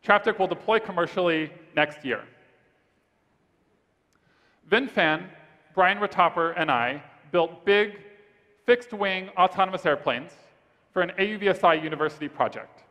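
A man pitching his startup on stage, then answering judges' questions in a steady, rehearsed way. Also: normal speed, pauses often. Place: large event hall stage. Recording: reverberant conference hall.

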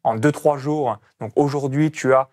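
Energetic French man with a Burgundy accent. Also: medium pitch, moderate pace. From France. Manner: energetic, emphatic delivery with many fillers. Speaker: host. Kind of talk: casual interview.

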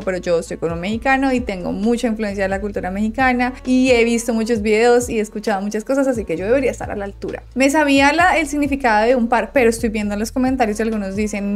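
A woman from Colombia giving casual reaction commentary, chatty and quick to laugh. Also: mid-range voice. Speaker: reaction video host.

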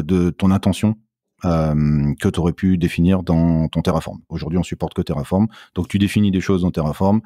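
Deep, dark-voiced man, hesitant. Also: no room sound, clean studio sound. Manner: hesitant, many fillers and restarts. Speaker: guest, startup founder. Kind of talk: casual technical interview.

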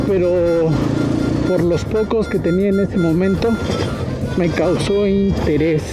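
Mexican man, high voice, unhurried, chatty motovlog, helmet mic, loud music underneath. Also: poor audio. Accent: Mexican Spanish. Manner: relaxed, chatty, with many fillers. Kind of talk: casual motovlog narration. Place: riding a motorcycle through city streets outdoors. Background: loud background music.

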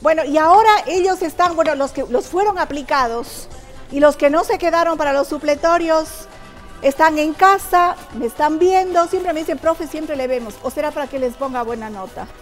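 A middle-aged woman with a bright, high voice teaches a cooking segment in a TV studio kitchen. She chats to viewers and walks through each technique step by step. Soft music plays faintly behind her. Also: moderate pace. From Ecuador. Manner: chatty, explains technique step by step, addresses viewers directly. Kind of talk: cooking show demonstration.

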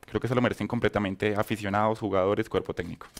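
A man with a Colombian accent chatting quickly as a panelist on a basketball show. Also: on the low side, steady tone. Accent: Colombian Spanish. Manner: quick, talkative, laughs easily. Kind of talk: casual basketball panel talk.

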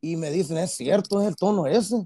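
This man's voice sits high and sounds mellow, and he talks fairly quickly, captured in clean studio audio with no echo. A musician guest with a Mexican Spanish accent, he chats casually in an interview, rambling with plenty of fillers and tag questions.

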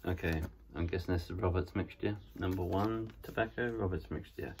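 Deep gravelly man talking around a pipe. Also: moderate pace, slight background noise. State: pipe in mouth. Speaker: pipe tobacco reviewer. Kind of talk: casual tasting commentary.

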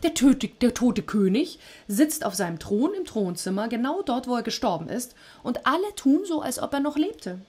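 Two shadowy messengers from the underworld tell their master what they saw, their voices pitched up and eager. A woman reading the storybook puts them on with a breathy, husky edge. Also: very animated, normal speed, hardly any pauses, darkish tone. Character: ghostly male underworld messengers reporting nervously.

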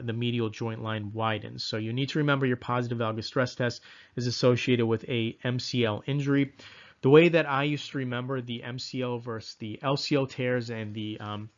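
Male instructor, mid pitch, relaxed lecture with ums, somewhat muffled recording. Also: normal speed. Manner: casual, self-deprecating, repeats mnemonics with filler ums. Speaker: exam review instructor. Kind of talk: recorded exam-prep lecture.

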